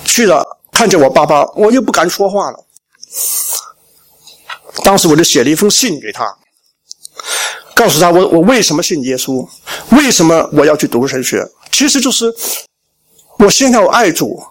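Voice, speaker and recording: A middle-aged man from Shandong preaching a personal testimony, with a high voice that swoops lively up and down. He tells his story vividly and slips into the voices of his father and family as he goes. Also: moderate pace, pauses often. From Shandong, China. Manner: storytelling, acting out family dialogue. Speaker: pastor. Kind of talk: sermon testimony.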